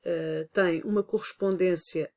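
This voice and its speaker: A woman's voice: on the low side, steady tone, a little slow, darkish tone. A woman teacher with a European Portuguese accent, explaining a grammar lesson step by step with frequent hesitant fillers. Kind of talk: recorded online lesson.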